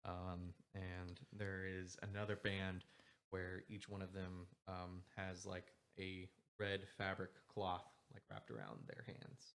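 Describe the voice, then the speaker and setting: A man's voice: low voice, takes it slowly, creaky, fairly bright tone. A man narrating a tabletop game as dungeon master in a loose style with many fillers.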